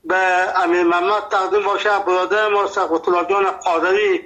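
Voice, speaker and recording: A man's voice: high voice, steady tone, bright, forceful tone, highs cut off. An older man calling into a radio show from Afghanistan, reciting folk verses and talking in a plain, rambling way. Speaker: caller. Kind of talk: phone call into a radio show.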